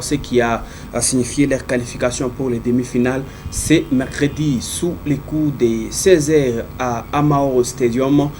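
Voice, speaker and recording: A man presenting sports news on television in a halting, hesitant way. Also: mid-range voice, darkish tone, a little hiss or hum.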